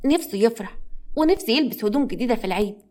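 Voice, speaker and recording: A humble old grandmother from an Egyptian storybook tale, played by a woman narrator, gentle and soft-spoken. She pleads patiently, her words tumbling out quickly. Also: fairly high pitch, lively intonation, natural voice. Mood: pleading.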